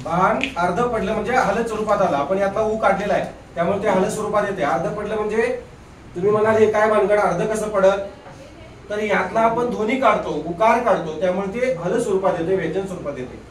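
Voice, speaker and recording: A man's voice: sits high, quick pace, far from the mic, a little hiss or hum. A man teaching a grammar lesson in a classroom, drilling students with repeated questions and teasing them now and then. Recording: echoey room, voice off-mic.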